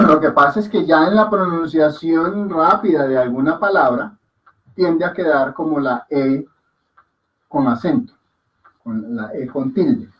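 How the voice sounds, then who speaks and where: A male teacher leads a class at an unhurried pace. He patiently sounds out each vowel and checks in with the room. The recording is dull and lo-fi. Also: fairly high pitch. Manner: patient, demonstrative, repeats sounds and checks for understanding. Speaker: language teacher. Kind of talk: classroom lesson.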